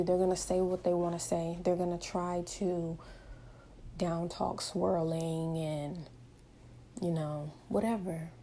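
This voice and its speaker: Impassioned mellow-voiced young woman. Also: mid-range voice, slight background noise. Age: 20s. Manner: impassioned, emphatic, rhetorical questions. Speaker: vlogger. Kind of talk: opinionated direct-to-camera monologue.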